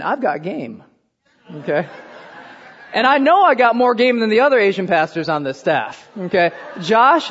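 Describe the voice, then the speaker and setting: Pastor, man in his 30s, high voice, sermon with animated self-deprecating asides, dull roomy hall sound. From born in Korea, raised in Iowa.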